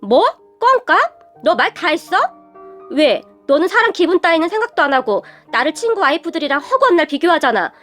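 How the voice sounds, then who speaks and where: A woman voicing a blunt, fearless young wife who talks in a sharp, mocking way. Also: very high-pitched, animated, brisk, faint music behind. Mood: scornful.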